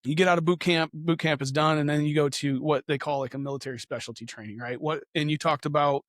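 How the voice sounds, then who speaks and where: A man's voice: a little high, steady tone, quick pace, fairly bright tone, no echo, clean studio sound. A man hosting a podcast interview in a casual, eager way. He often says "man" and laughs as he talks. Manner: eager, peppers talk with "man". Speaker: podcast host.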